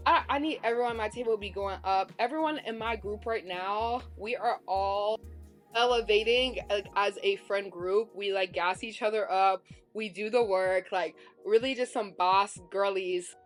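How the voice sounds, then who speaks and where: A woman's voice: mid-range voice, normal speed, faint music behind. A young woman vlogging to camera in a frank, chatty way, peppering her talk with "like" and casual swearing. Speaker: beauty vlogger.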